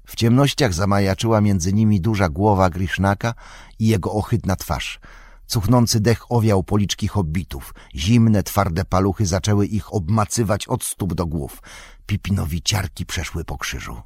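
A man narrating an audiobook in a steady, measured reading. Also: low voice, breathy edge, no echo, studio quality. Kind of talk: scripted narration.

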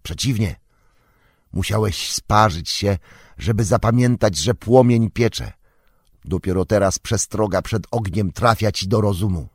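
A man voicing a wise, stern old male wizard in an audiobook, explaining at length in a measured, grave way. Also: fairly low pitch, breathy edge, no echo, studio quality. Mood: admonishing. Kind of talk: audiobook character reading.

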